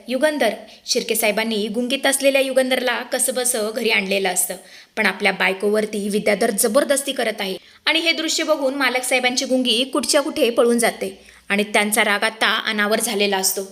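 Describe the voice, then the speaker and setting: A woman narrating a TV serial recap in a lively storytelling manner, addressing listeners as friends. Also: on the high side, fairly quick.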